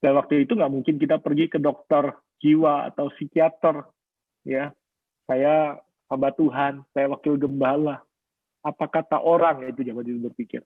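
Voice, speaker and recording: A man's voice: a little high, fairly even intonation, moderate pace, no echo. A middle-aged male pastor giving a sermon on marriage, telling personal stories and addressing the listeners directly. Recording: husky voice on a tinny phone-like radio line.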